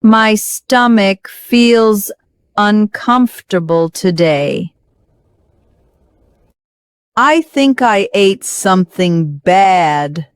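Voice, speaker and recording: Very slow woman reading example sentences. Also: medium pitch, expressive, clear, resonant tone, no echo, clean studio sound.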